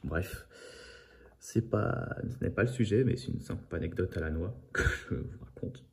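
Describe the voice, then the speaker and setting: A rather low-voiced man chats casually about his collection of model cars. He rambles, repeats himself and trails off into asides. His delivery is loose and conversational. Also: moderate pace, vocal fry, a little hiss or hum. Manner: rambling, chatty, often repeats "voilà"; apologises for his own accent. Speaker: toy car collector. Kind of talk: casual unboxing chat.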